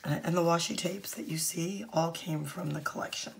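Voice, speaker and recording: Hoarse, croaky woman who has lost her voice. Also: lowish voice, steady tone, moderate pace, slight background noise, rough recording. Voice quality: husky, croaky, often breaking into a whisper. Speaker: craft channel host. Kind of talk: casual craft project walkthrough.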